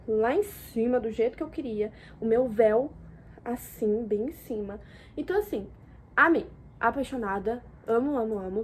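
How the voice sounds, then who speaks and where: A young woman from Brazil chatting casually to camera in a vlog, expressive and talkative, jumping between loud exclamations and soft asides. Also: on the high side, a little hiss or hum. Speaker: vlogger.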